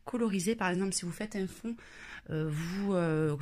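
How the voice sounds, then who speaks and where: A woman's voice: lowish voice, normal speed, a little mellow. A woman chatting casually through a craft shopping haul, with many hesitations. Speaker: craft vlogger.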